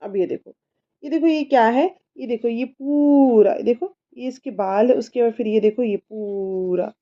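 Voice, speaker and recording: A woman's voice: fairly high pitch, a little slow, warm tone, muffled recording. A woman teaching her child English body words, patiently repeating each word and spelling it letter by letter. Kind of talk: slow spelling lesson.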